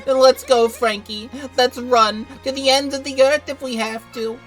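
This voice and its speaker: A man voicing a lovestruck young woman, a mob boss's daughter, in a high, dramatic falsetto while reading game text aloud. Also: steady tone, normal speed, fairly bright tone, soft background music. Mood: pleading. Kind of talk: playthrough voice acting of game text.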